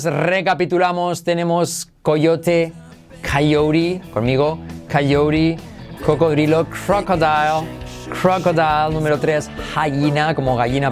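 Playful teacher drilling English words. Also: male voice, on the high side. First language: Spanish. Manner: playful, repeats words slowly to drill pronunciation. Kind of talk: podcast lesson.

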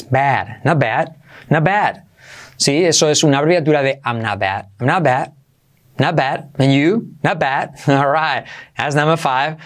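A man teaching English phrases in a casual video lesson, playfully repeating words slowly to model how they sound. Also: a little high.

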